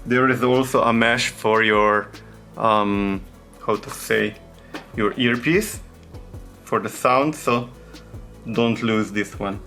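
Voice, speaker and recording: A man with a thick foreign accent, a non-native English speaker, narrating a hands-on tutorial in simple, halting phrases as he searches for words. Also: lowish voice, bright, forceful tone, faint music behind. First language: not English. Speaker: repair tutorial host.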